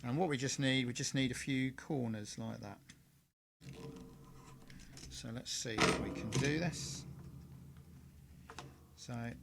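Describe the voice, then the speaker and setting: A man's voice: medium pitch, fairly even intonation, takes it slowly, vocal fry, pauses often, noisy background. A man hosting a live-streamed model railway crafting demonstration, talking in a rambling, chatty way full of fillers and self-corrections. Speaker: model railway hobbyist host.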